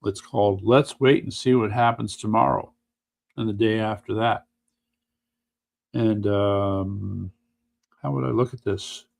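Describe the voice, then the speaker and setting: A man with a gravelly, creaky voice hosts a relaxed news chat show. He talks at an unhurried, even pace and drops in dry asides. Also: on the low side. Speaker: podcast host.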